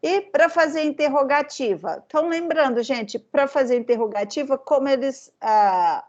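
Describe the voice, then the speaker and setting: Brazilian woman teacher, fairly high voice, unhurried and patient, muffled lo-fi audio. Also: lively intonation, a little mellow. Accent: Brazilian Portuguese. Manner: slow, patient, checks in with "tá?" and "ok?". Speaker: English teacher. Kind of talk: online class explanation. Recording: muffled lo-fi class recording.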